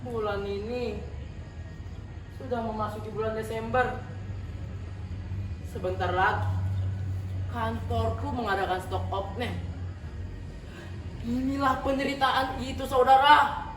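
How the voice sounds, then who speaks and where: A woman plays a bitter, desperate cashier in a hammy, declamatory stage monologue with an Indonesian accent. The voice is on the high side and drawn out with theatrical pauses. It comes from a distance in a very echoey space, with faint noise behind it. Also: fairly even intonation, natural voice. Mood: bitter confiding, then anguished pleading. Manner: hammy, declamatory stage acting with shouted outbursts and long dramatic pauses. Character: distraught, guilt-ridden male office cashier, bitter and desperate. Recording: roomy echo, distant mic, background noise.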